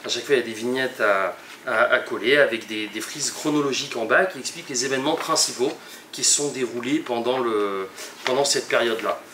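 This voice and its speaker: A young man, a teacher, presenting a project in a halting way with many pauses and restarts. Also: medium pitch, bright, forceful tone, slight background noise. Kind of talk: hesitant spoken presentation. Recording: echoey room, mic at a distance.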